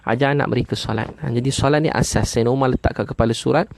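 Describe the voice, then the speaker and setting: A man with a Malaysian Malay accent preaching a sermon. He repeats each point and peppers his talk with "ha", and he chants Arabic prayers slowly. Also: medium pitch, steady tone, creaky, a little mellow.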